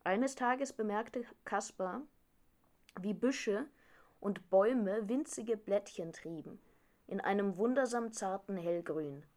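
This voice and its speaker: A woman narrating a storybook tale aloud in a calm, gently expressive reading voice. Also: mid-range voice, slow pace.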